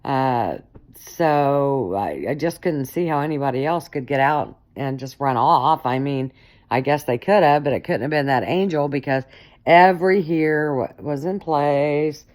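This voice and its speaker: Middle-aged woman, super low voice, rambling story with lots of um and uh. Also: measured pace, darkish tone. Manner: rambling, self-correcting, many fillers. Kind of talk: casual personal story.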